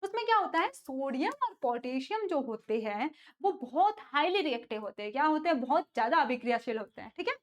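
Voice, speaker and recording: A woman teaching school science in a lively lecture, often asking a question and then answering it herself, with playful asides. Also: sits high, brisk, few pauses. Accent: North Indian Hindi. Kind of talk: classroom lecture with call-and-response questions.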